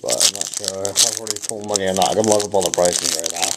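A man's voice: sits low, steady tone, very fast. A young man hosting a casual unboxing at home, talking offhandedly as if half to himself. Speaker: video host opening card packs. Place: indoors at a table at home. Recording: noisy home recording, wrapper crinkling. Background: crinkling packs, clicks, clear noise.

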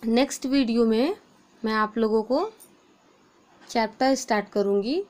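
A woman teacher with an Indian accent, giving a lesson in an unhurried way. Her voice sits a little high, and she stretches each letter out carefully for young pupils. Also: animated, a little mellow, low-quality recording. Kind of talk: slow classroom lesson.

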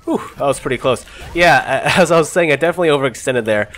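Stuffy from a cold, a young man hosting a gaming channel commentates casually as he plays, chatty and laughing, swearing at close calls. He talks fast in a higher, fairly bright voice, with a little hiss or hum. Game music and sounds are clearly audible beneath him.

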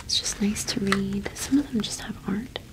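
Right up against the microphone, a young adult woman whispers in a soft, breathy, mid-range voice. She plays a cottage witch shopkeeper in a halting, gentle ASMR roleplay, with poor audio.

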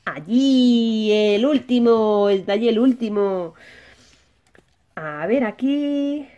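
Speaking slowly in a fairly high, mellow voice, a woman with a Spanish accent runs a simple lesson on her children's toy channel. She talks as if to small children, asking questions and answering them herself. The recording sounds lo-fi.

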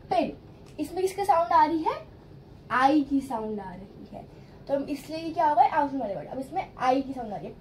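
A woman's voice: high voice, dark tone, slight background noise, poor audio. A woman teaching basic English, patiently spelling words letter by letter and mixing in Hindi. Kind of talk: spoken English lesson.

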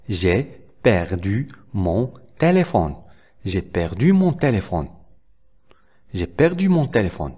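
A man teaching a language who reads short everyday phrases and repeats each one several times, slowly and clearly. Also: fairly low pitch, a little mellow. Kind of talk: slow phrase drills for learners.

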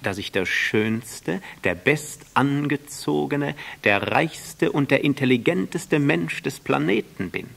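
A man's voice: medium pitch, expressive, slow, creaky, few pauses, a bit bright, pitched above the performer's own voice, heavily acted. A man voicing a vain, pompous man who craves admiration in an audiobook reading, drawing out his words grandly.

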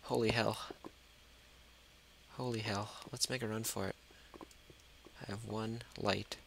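A man's voice: on the low side, fairly even intonation, takes it slowly, gravelly, slight background noise. A man doing gameplay commentary, talking to himself and the monsters and dropping to a whisper when scared. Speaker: let's play host. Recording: loud mouse clicking over the voice.

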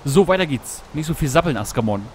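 A man casually commenting on his gameplay while fishing, talking to himself, greeting animals in the game, and yelping excitedly at each catch. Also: on the high side, fast talker, a little hiss or hum. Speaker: Let's Play host. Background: background game music.

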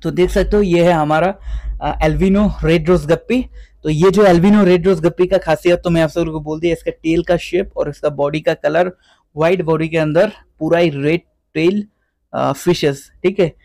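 A young man from West Bengal talks casually through a video tour of his fish farm. His voice sits a little high, and he keeps dropping English words and a running "theek hai" into his Hindi. The sound is close and dry. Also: fairly even intonation, moderate pace, creaky, a little mellow, dry recording. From West Bengal, India. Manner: chatty, repeats "theek hai" often. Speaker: guppy breeder and seller. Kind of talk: casual vlog walkthrough.

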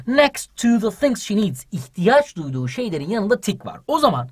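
A man teaching English to children in an online lesson, reading English lines and translating each into Turkish with lively energy. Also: sits high, normal speed, husky.

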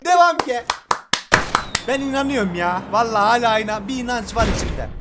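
Excitable young man, rowdy game chat. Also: extremely high pitch, brisk, very noisy. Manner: loud, swearing, bursts into shouts and laughter. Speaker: gaming YouTuber. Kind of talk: excitable casual game commentary.

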